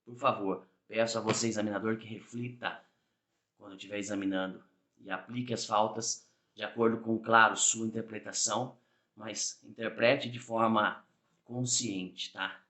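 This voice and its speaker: A man's voice: on the low side, level tone, moderate pace, bright, forceful tone. Brazilian man explaining with "tá?" tags. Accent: Brazilian Portuguese. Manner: conversational, frequent "tá?" tag questions; acts out examples with small voiced asides. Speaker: driving exam instructor. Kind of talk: explanatory video lesson.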